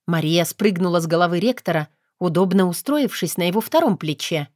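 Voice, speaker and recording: Woman reading a fantasy audiobook, expressive, dry close mic. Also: fairly low pitch, fairly quick, no echo. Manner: expressive storytelling. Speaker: audiobook narrator.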